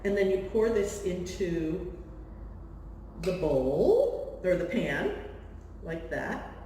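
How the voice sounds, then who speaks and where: A woman's voice: on the low side, a little mellow, slight background noise. A woman giving a casual cooking demonstration, chatting with self-deprecating asides as she works. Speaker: real estate agent hosting a cooking demo. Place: kitchen of a rental home. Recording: very echoey room, distant mic.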